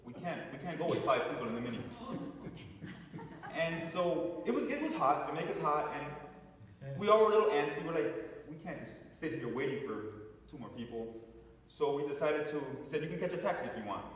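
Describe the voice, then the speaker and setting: Speaking to a congregation in a church hall, a man with a fairly high voice tells a story briskly and animatedly, restarting lines and making asides to the audience. The sound is echoey, picked up from a distance.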